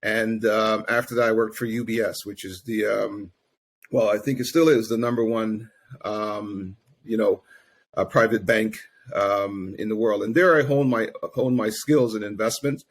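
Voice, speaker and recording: A man's voice: on the low side, fairly even intonation, normal speed. A middle-aged man from Grenada, a guest in a casual interview, talking easily with many fillers. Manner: easygoing, many fillers like "you know" and "um". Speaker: guest, investment firm founder.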